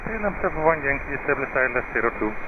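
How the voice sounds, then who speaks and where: A man's voice: medium pitch, lively intonation, rapid-fire. A man speaking as an airline pilot over the radio, giving terse, procedural readbacks. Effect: aircraft radio transmission. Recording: muffled lo-fi airband radio, loud noise. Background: aircraft and radio noise.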